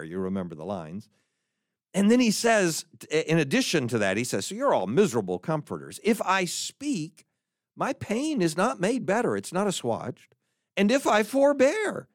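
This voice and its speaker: Male preacher, high lively voice with wide swings, dry close recording, reads scripture with emphasis. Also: no room sound. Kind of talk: sermon on scripture.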